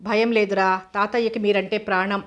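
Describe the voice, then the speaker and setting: A woman reading an audio novel, voicing a gentle young mother who soothes her children. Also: mid-range voice, little pitch movement, moderate pace, lightly acted. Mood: soothing. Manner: soothing, consoling.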